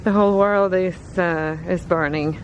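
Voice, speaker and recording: A woman in her thirties talking casually for a vlog, haltingly, as if thinking aloud. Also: on the low side, low-quality recording. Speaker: vlogger, travelling parent. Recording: steady background noise, vehicle-like ambience.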